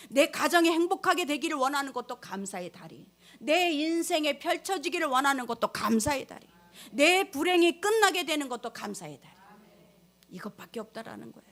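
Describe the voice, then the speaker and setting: A woman pastor with a high voice preaches a sermon to her congregation. She is emphatic and alternates between forceful exhortation and soft, hushed storytelling. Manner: addresses the congregation directly.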